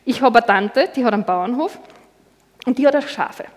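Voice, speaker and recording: A woman's voice: on the high side, lively intonation, normal speed. A woman with an Austrian accent preaching a sermon in a church hall, personal and conversational, often saying "genau".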